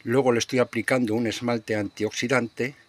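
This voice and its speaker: Walking the beach and town and working on his boat, this retired sailor from Spain, in his sixties, chats casually to his vlog viewers. He speaks at normal speed in a mid-range voice with a flat delivery, captured on noisy outdoor camera audio.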